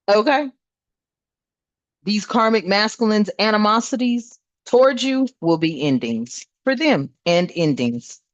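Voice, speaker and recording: Swearing often, a tarot reader delivers a blunt, emphatic, casual spiritual reading. She speaks at a medium pitch, and the sound is dry, dull and lo-fi.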